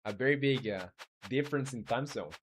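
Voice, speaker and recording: This is a casual coding live stream by a Chilean game developer who thinks aloud and talks with his viewers, responding in a friendly way. He hesitates a lot and uses many fillers and restarts. His medium-pitched voice is brisk, with slight background noise.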